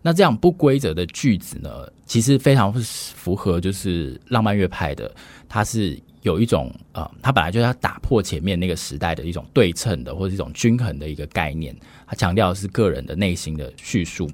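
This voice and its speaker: A man, a music scholar explaining in a measured, lecturing way with frequent fillers. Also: low voice, expressive, darkish tone, no room sound. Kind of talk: explanatory podcast conversation.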